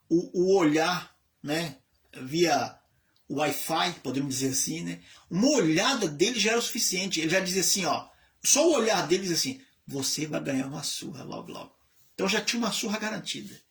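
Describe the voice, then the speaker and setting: A man's voice: sits high, moderate pace. A man in his fifties from Bahia, Brazil, an evangelist chaplain telling his life story in a conversational sermon, acting out the voices of people in it. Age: 50s. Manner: conversational preaching, lively storytelling with quoted voices. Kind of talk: sermon testimony.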